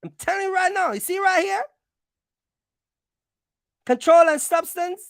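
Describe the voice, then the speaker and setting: A trucking channel host speaks in an extremely high pitch, taking her time as she gives advice in an informal explainer. She is blunt and emphatic, uses colloquial slang, and repeats phrases for stress, in clean studio sound with no room noise.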